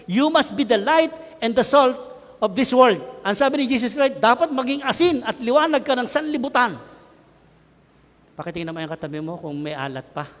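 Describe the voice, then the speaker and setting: A middle-aged Filipino man preaching a lively sermon, joking and shouting with his congregation. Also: very high voice, moderate pace. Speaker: pastor. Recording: long hall reverb.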